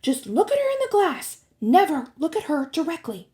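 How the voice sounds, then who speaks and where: A woman's voice: high-pitched, huge pitch swings, normal speed, dark tone, pitched above the performer's own voice. A woman voicing a brainy, bossy young girl heroine in an audiobook, urgent and insistent. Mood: critical, instructing. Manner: insistent, matter-of-fact. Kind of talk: audiobook character voice.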